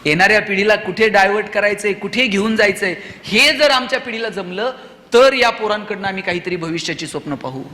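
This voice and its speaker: Man, Marathi accent, motivational speaker, high voice, rhetorical questions, long hall echo. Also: a little fast. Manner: rhetorical questions, animated storytelling. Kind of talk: motivational speech to students. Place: auditorium. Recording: reverberant hall.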